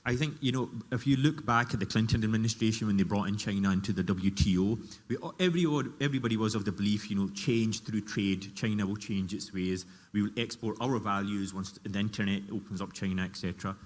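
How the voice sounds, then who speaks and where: A man's voice: fairly low pitch, brisk, hardly any pauses. A man speaking as a panelist at a conference, making emphatic, argumentative points. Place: large conference hall. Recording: long hall reverb.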